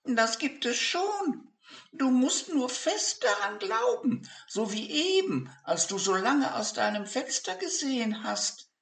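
A reader voicing a small, gentle, homesick talking plush penguin in a storybook read-aloud. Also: very animated, slow pace, exaggerated voice. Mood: reassuring. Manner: high, squeaky toy voice. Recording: echoey room.

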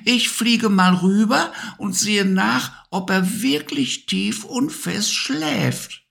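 A man reading aloud puts on a chirpy little female bee from a children's audiobook. Her voice sits high above his own and bounces, eager and chatty, as she buzzes along. It is read unhurried, as for a bedtime story. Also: animated, creaky, fairly bright tone, exaggerated voice.

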